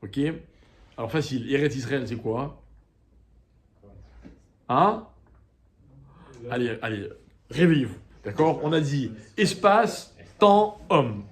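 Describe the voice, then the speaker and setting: A man's voice: mid-range voice, expressive, takes it slowly, long pauses. A man who is a rabbi, teaching a Torah class to a live audience. He keeps posing rhetorical questions, calls on the class to wake up, and quotes Hebrew texts before translating them.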